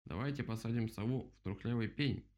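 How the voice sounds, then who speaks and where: A man's voice: medium pitch, a little fast, a little mellow, close to an everyday voice. A man voicing a shy, embarrassed male mole who talks hesitantly. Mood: sheepish.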